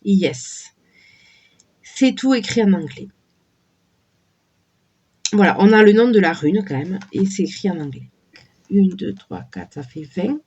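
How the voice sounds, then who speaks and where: Slow-talking woman with a cold. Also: medium pitch, darkish tone, slightly rough, highs cut off. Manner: slow, hesitant, many fillers and restarts. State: has a cold, sore throat. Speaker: tarot and oracle card reviewer. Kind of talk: casual unboxing chat.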